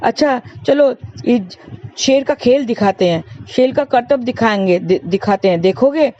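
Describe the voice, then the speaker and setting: A woman's voice: a little high, lively intonation, unhurried, mellow, highs cut off, a little hiss or hum. A woman doing a kind coaxing stranger. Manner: coaxing, soothing offers. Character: kind adult man comforting a lost child.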